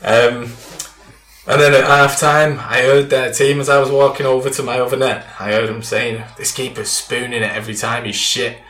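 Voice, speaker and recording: A man's voice: medium pitch, level tone, moderate pace, fairly bright tone, roomy sound. A young man, telling a story in casual chat and swearing freely. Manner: chatty, swears freely, laughs through stories. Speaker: guest.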